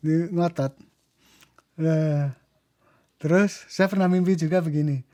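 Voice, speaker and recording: Brief: male interview guest, mellow and reflective, acts out quotes within his story. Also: on the high side, steady tone, measured pace. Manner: reflective, mixing in English phrases, acting out dialogue. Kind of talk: recounting a personal story in conversation.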